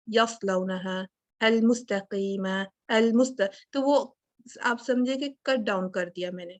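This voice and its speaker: A woman teaching a recitation lesson, patient and methodical, pausing to demonstrate each sound. Her voice sits at an ordinary middle pitch. It is recorded close and dry, with no room sound. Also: no room sound. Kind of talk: tajweed lesson.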